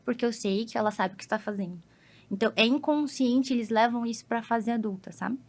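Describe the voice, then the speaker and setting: A woman's voice: fairly high pitch, brisk. A Brazilian woman speaks as a psychologist guest on a podcast, her voice sitting a little above the usual. She explains patiently and steadily, reaching for everyday examples.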